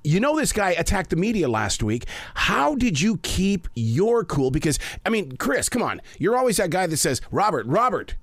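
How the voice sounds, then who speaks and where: A man hosting an interview who sounds eager and admiring, quick to back up his guest. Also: high voice, sing-song, no echo. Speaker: podcast host. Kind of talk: interview host.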